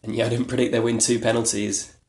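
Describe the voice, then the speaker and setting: Male podcast host, low gravelly voice, flat delivery, rambling and self-deprecating, echoey room. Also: quick pace. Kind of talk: casual solo podcast talk.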